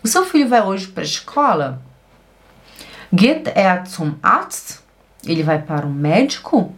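A woman teaching German in Brazilian Portuguese, slowly and patiently repeating each phrase. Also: medium pitch, very animated. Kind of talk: language lesson.

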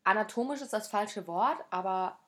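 A woman's voice: medium pitch, moderate pace, fairly bright tone. A young woman co-hosting a casual podcast, rambling in slang and acting out quotes. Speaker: podcast co-host. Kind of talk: casual book-discussion chat.

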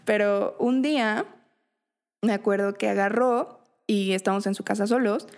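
A woman's voice: medium pitch, normal speed, a little mellow. Young mexican woman telling her story in a chat, candid, slangy, swears a lot. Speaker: guest.

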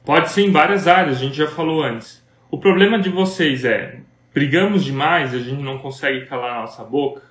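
Speaking at a normal speed with a fairly bright tone, an earnest Brazilian man with a Brazilian Portuguese accent co-hosts a conversation on marriage. His style is preacherly, full of successive questions, and his voice is a little high for a man. The sound echoes as if in a roomy space.

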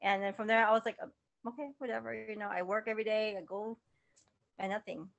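A woman chatting as a podcast guest, talking in halting bursts full of restarts and fillers. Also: mid-range voice, flat delivery, creaky, lo-fi sound. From lives in the United States. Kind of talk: casual interview chat.

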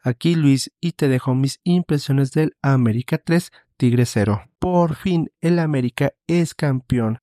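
A man's voice: a little high, mellow, no echo, clean studio sound. A man giving a formal, semi-scripted match summary as a contributor to a fan show.

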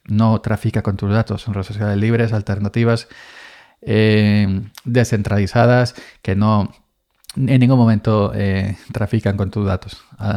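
Gravelly Andalusian man, rambling podcaster. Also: on the low side, mellow. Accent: Andalusian Spanish. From Andalusia, Spain. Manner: rambling, with many restarts and repeated words. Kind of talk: casual solo monologue.

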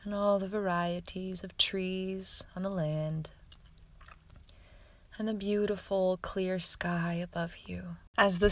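A woman guides a meditation at an unhurried, drawn-out pace, her soft and soothing voice slipping often into breathy whispers. Her pitch sits a little low for a woman. The sound is close and dry, with no room echo.

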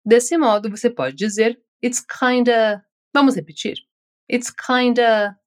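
A woman with a Brazilian accent teaching English, giving slow, carefully articulated model phrases for learners to repeat. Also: fairly high pitch, lively intonation. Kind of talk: scripted language lesson.

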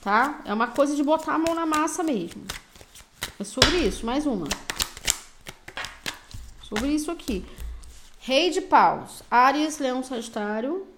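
Blunt high-voiced Brazilian woman reading tarot. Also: expressive, a little slow, long pauses, a little hiss or hum. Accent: Brazilian Portuguese. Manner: blunt, direct, slangy pep talk. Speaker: tarot reader.

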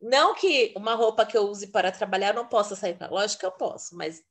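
A woman's voice: mid-range voice, expressive. A woman in casual conversation, chatty and often laughing between points. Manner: chatty and laughing, quick asides. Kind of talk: casual chat.

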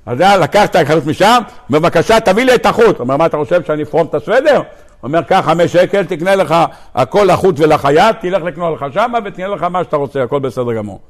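A man, a rabbi, gives a Torah lecture to his congregation, animated, asking questions and acting out the quotes. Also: on the high side. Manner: animated storyteller who acts out quotes and asks the audience questions. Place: synagogue lecture hall.

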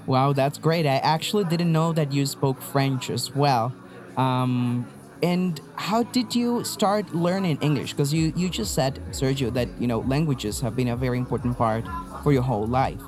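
A man's voice: medium pitch, normal speed, over music. A man hosting an interview podcast, upbeat and encouraging, often saying "you know". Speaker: podcast host, faculty manager.

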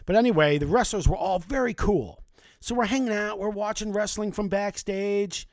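A talkative man in his forties spins loose, casual stories from years back. His voice sits a touch high for a man, and it sounds close and dry, with no room echo. He drifts from one aside to the next and swears now and then. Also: normal speed, a little mellow. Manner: chatty, conversational, with mild swearing. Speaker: storyteller. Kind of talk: casual anecdotal storytelling.

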